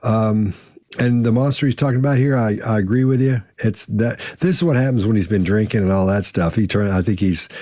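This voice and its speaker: A man's voice: fairly low pitch, a little fast, warm tone, no echo, clean studio sound. A man hosting a casual panel discussion, rambling and restarting as he gives his read on body language. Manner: rambling, with many fillers and restarts. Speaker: panel host.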